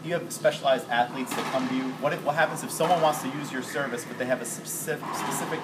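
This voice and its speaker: This is a fast, mid-range male voice belonging to a host in his thirties running a relaxed, upbeat interview. Chatty and animated with his hands, he's filmed from across a bright room with a glass wall, and the camera's sound is loud with background noise.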